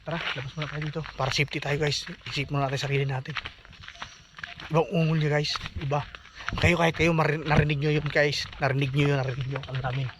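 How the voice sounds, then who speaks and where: A man vlogging outdoors near a forest, talking in a hushed, uneasy way and urging his companion to leave. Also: a little high, flat delivery, quick pace. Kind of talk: casual vlog narration. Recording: dull lo-fi phone audio with outdoor noise.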